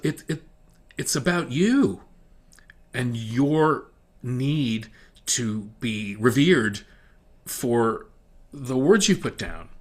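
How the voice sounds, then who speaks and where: Animated man dissecting song lyrics. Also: medium pitch. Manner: animated and critical, reads lyrics aloud with emphasis, trails off to quiet asides. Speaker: podcast host. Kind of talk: solo analysis of a song's lyrics.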